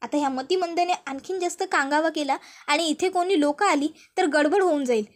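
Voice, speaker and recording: A woman's voice: high voice, a little fast, natural voice. A woman voicing a scheming middle-aged man who lies in a wheedling, falsely innocent way. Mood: scheming aside. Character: scheming middle-aged man, a smooth-talking lying villain.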